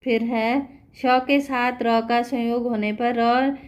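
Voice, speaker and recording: Her voice sits on the high side with fairly even intonation as she patiently explains Hindi grammar, classroom-style. She says words slowly and more than once, then poses rhetorical questions to make sure her listeners follow.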